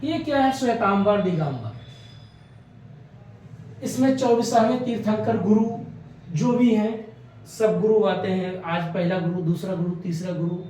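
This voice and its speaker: A man lectures an exam-prep class in a fairly high voice, chatty and repetitive, tossing out rhetorical questions. He sounds a step away from the mic, and his voice booms around a bare, echoing room. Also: unhurried, long pauses, dark tone, recorded from a distance, slight background noise. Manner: conversational, repeats key words, asks rhetorical questions. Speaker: exam coaching teacher.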